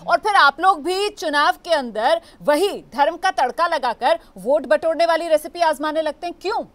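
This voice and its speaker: A woman news anchor moderates a heated televised debate. Her voice is high-pitched, and she firmly steers her guests back to the topic. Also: normal speed, fairly bright tone.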